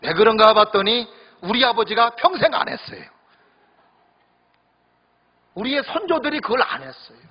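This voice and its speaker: A male pastor preaches during a church worship service, talking conversationally, joking and addressing the congregation directly. His voice is extremely high, sing-song and brisk, and the recording is echoey and dull lo-fi.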